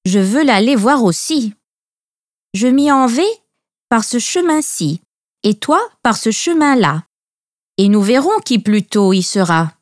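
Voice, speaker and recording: A woman's voice: on the high side, big pitch swings, unhurried, long pauses, no echo, studio quality. A woman voicing a cunning male wolf in a storybook reading, speaking in a sly, coaxing way.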